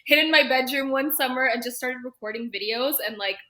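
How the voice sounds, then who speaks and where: Podcast guest, woman, 20s, from Toronto, animated and bright-toned, lots of likes and ums. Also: high-pitched, fairly quick. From Toronto, Canada. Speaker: guest, YouTube creator. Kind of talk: podcast interview.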